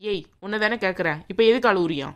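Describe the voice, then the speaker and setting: A woman voicing a haughty young bride in a cartoon, sharp and sneering as she bosses others around. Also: mid-range voice, expressive, fast talker, natural voice. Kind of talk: cartoon voice acting.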